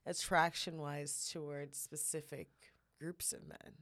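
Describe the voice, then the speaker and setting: A woman interviewing casually, with informal, agreeable interjections and quick questions. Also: low-pitched, fairly even intonation, fairly bright tone, dry recording, clean studio sound.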